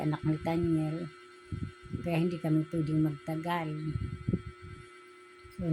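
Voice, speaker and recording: A woman's voice: low-pitched, low-quality recording. A woman vlogger telling her viewers a personal story in a casual, emotional way. She keeps retelling conversations, often repeating how she said it. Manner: emotional, grows quiet and subdued. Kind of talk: casual spoken storytelling vlog. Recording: music playing behind the voice.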